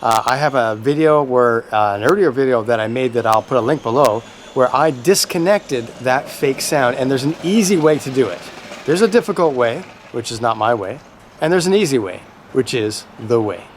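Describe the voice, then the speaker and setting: A man's voice: medium pitch, animated, normal speed. A man hosting a casual car review vlog, chatting enthusiastically to the camera as he works on his car and drives it. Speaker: car channel host. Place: in and around a car, outdoors and driving. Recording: distant camera mic with loud engine and road noise. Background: engine and road noise.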